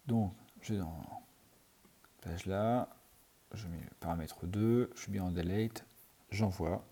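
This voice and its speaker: A man's voice: low-pitched, takes it slowly, mellow. A man teaching programming in a screencast, talking through his code as he types, with many fillers. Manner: thinks aloud while typing, many fillers. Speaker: programming tutor. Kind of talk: screencast coding tutorial.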